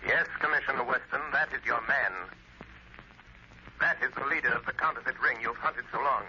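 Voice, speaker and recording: A male actor playing a calm, mocking, unseen crime-fighting avenger in 1930s radio drama style, taunting deliberately and theatrically. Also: medium pitch. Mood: solemn, commanding. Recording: noisy, muffled 1930s radio recording.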